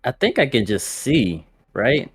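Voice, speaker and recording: Brief: slow-talking man, halting and unsure, dry close sound, music faint. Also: mid-range voice, big pitch swings, husky, no room sound. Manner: hesitant, many ums and uhs. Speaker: player. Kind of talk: casual tabletop game play.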